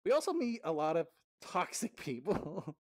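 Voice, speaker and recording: A man's voice: fairly high pitch, very animated, normal speed, no echo. Chatty man, dry close voice. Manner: chatty, laughs often mid-sentence. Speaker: gaming vlogger. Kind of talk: casual rambling storytelling.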